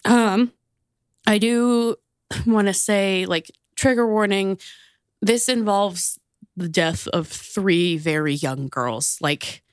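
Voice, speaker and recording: A woman's voice: mid-range voice, slow pace, clear, resonant tone, no room sound, clean studio sound. An American woman co-hosting a true-crime podcast, telling the story in a casual, chatty way with many fillers. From United States. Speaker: podcast co-host.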